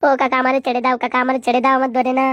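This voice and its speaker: Brief: woman playing a bratty little cartoon boy, shrill and rapid, threatening and whiny. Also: monotone, fairly bright tone, no room sound. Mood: wailing.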